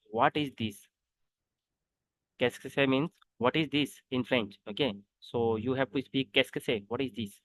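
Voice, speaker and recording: Slow man teaching French. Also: mid-range voice, fairly bright tone, no room sound. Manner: slow, repetitive teaching, mixing English and Hindi. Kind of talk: online language lesson.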